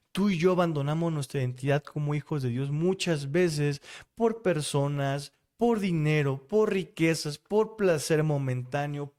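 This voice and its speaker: A man's voice: fairly high pitch, darkish tone. A man with a Mexican Spanish accent preaching a devotional sermon, speaking straight to the listener and posing rhetorical questions.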